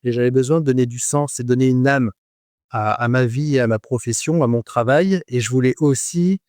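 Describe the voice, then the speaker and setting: A man's voice: medium pitch, brisk, darkish tone, no echo, clean studio sound. A man in his forties, a guest on a podcast interview, speaking with frequent hesitations, fillers and restarts. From France. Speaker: guest, rum producer.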